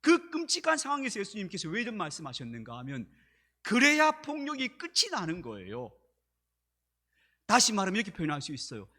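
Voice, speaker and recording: A man preaching a sermon as pastor, animated and acting out the speech he quotes. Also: high voice, a little fast.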